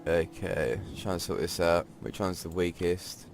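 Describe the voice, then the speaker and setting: A man's voice: low-pitched, a little slow, vocal fry. A man with a congested, stuffy voice, casually commenting on a strategy game while thinking his moves aloud. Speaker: gameplay commentator. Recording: game music playing behind.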